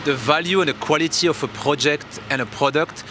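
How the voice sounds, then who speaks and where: A French interview guest speaks English as a second language in a casual conversation, reflecting aloud and often restarting his phrases. His voice is fairly high and fairly quick, with background noise in the recording.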